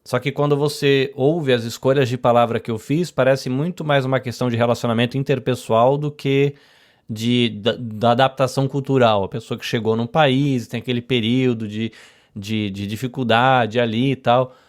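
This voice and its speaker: A man's voice: mid-range voice, steady tone, moderate pace. A man with a Brazilian accent hosting a podcast, telling stories in a rambling, self-correcting way. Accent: Brazilian Portuguese. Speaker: podcast host. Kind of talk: casual interview chat.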